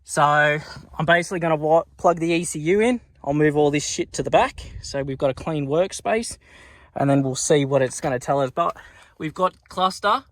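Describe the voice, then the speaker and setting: A man's voice: fairly high pitch, moderate pace, dry recording. An Australian man chatting casually in a vlog as he works on a car, with laid-back, sweary, blokey Aussie slang. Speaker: car build vlogger. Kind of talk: casual vlog chat while working on a car.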